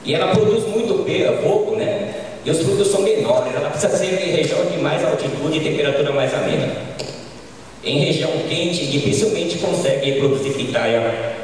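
A man's voice: fairly high pitch, lively intonation, normal speed, darkish tone, recorded from a distance, slight background noise. Brazilian man lecturing in echoey hall. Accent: Brazilian Portuguese. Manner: informal, frequent tag questions. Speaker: agronomist lecturer. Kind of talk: conference lecture. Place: large conference hall. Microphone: handheld mic, filmed from far.

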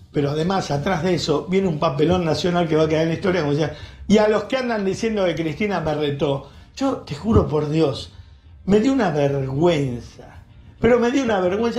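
A man's voice: high voice, a little mellow, reverberant. A man with an Argentine accent delivering an angry, sarcastic editorial monologue as host, full of insults. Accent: Argentine Rioplatense Spanish. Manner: indignant, sarcastic, ranting with insults. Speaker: radio and TV host.

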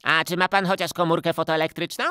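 Casting: a man playing a raised, bragging little know-it-all, lively and loud. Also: a little high, fairly quick, clean tone, no room sound, studio quality, voice pushed up. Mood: boastful. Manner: loud, boastful, eager. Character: cocky know-it-all schoolboy. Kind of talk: storybook reading.

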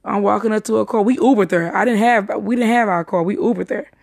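A woman's voice: mid-range voice, fast talker, creaky, darkish tone, dry recording. A young woman giving a rambling, profane retelling of a night out, with many restarts and repetitions. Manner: rambling, profane, emphatic storytelling; repeats herself and restarts often. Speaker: witness recounting a night out. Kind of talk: casual spoken retelling.

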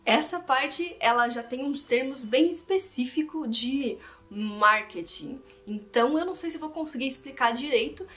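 A woman gives a relaxed language lesson, reading out lyric lines and then unpacking them in a chatty, thinking-aloud way. Her voice sits a little high. Soft music plays faintly underneath. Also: moderate pace. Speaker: language teacher. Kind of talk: casual language lesson explaining song lyrics.

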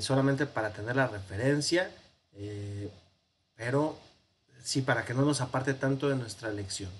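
A man's voice: medium pitch, fairly bright tone, slight background noise. A man with a Mexican Spanish accent teaching a Hebrew grammar lesson, explaining patiently with fillers and frequent check-ins with his class.

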